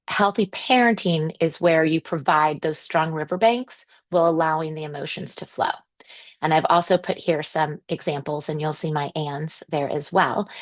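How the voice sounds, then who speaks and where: Gentle woman presenting, slightly low voice. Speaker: parenting workshop presenter. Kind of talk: workshop presentation to parents.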